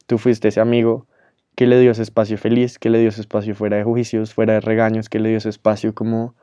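A man's voice: mid-range voice, dark tone, clean tone, dry recording, lo-fi sound. A young man, telling a personal story to his viewers in an earnest, emotional way with many fillers. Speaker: YouTuber.

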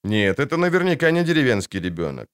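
Man narrating an audiobook with lively intonation. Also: mid-range voice, fast talker, smooth. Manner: vivid, dramatic storytelling.

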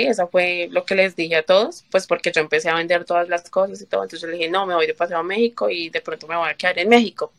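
Her slightly low voice carries an emotional personal account as a Colombian woman speaks in an interview. Halting, filler-heavy, and prone to restarts, she quotes herself and plays out other people's remarks. The recording is dry.

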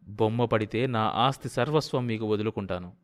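A man voicing a calm, serious man who speaks slowly and deliberately in a grave tone in a story reading. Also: fairly low pitch, natural voice. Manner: slow, measured, deliberate.

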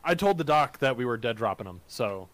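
A man's voice: mid-range voice, animated, fast, fairly bright tone. Teasing male tabletop player. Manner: wry, teasing. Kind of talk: casual tabletop game banter.

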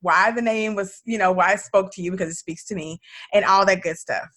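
A woman hosting a podcast in casual chat. She sounds hoarse from allergies and talks in an effusive, emphatic way. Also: mid-range voice, a little fast, fairly bright tone. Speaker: podcast host.

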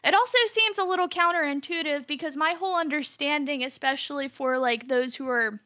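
A woman co-hosting a casual podcast chat with a high, bright voice. She rambles and restarts her thoughts often, recorded close and dry. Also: a little fast, dry recording. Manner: rambling, full of fillers and restarts. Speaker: podcast co-host.

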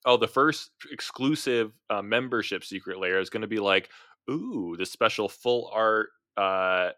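A man's voice: fairly low pitch, measured pace, bright, forceful tone, no room sound, studio quality. A man with a Midwestern American accent co-hosting a podcast, chatty and joking. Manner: chatty, rambling, jokey. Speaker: podcast co-host. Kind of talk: casual chat.

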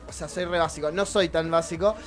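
A man's voice: fairly high pitch, fairly even intonation, fast, soft background music, a faint crowd. A young man with an Argentine Spanish accent, co-hosting a casual chat, talking in a loose, slangy way with many restarts. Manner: chatty, slangy, restarts often. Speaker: podcast co-host.

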